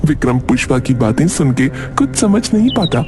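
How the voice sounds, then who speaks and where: A man reads scripted narration of a dramatic tale at normal speed, his medium-pitched voice swinging widely in pitch. Music plays in the background.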